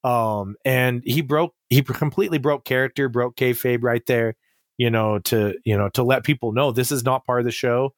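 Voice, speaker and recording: A man's voice: medium pitch, steady tone, normal speed, no room sound, clean studio sound. A middle-aged man telling stories in a casual, rambling way, full of fillers and restarts. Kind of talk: casual conversational storytelling.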